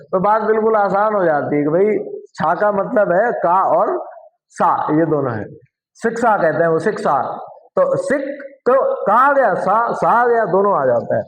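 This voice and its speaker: A man's voice: high voice, very animated, normal speed, roomy sound, low-quality recording. A man teaching a classroom lesson, explaining step by step and often putting questions to his students. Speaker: Hindi teacher.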